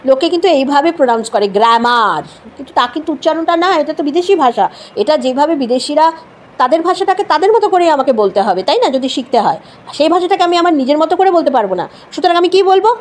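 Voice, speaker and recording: A woman teaching an English spelling class, spelling words out letter by letter and slowly repeating English example sentences. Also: high-pitched. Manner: slow careful repetition, mixing Bengali with English example sentences.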